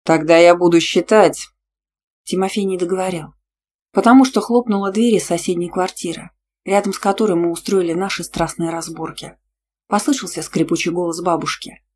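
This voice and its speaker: A woman narrating a first-person romance novel in a lively, expressive, feisty way. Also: fairly low pitch, a little fast, a little hiss or hum. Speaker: audiobook narrator.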